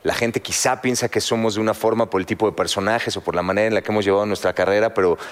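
A man's voice: lowish voice, fairly even intonation, racing. A man, a guest actor on a talk show, speaking thoughtfully. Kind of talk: casual chat.

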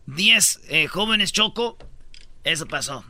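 A man's voice: on the high side, lively intonation, takes it slowly, bright, forceful tone, no echo. A man co-hosting a radio sports comedy show, telling stories with emphatic repetition, recorded on a studio mic. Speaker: co-host. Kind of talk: casual radio show chat.

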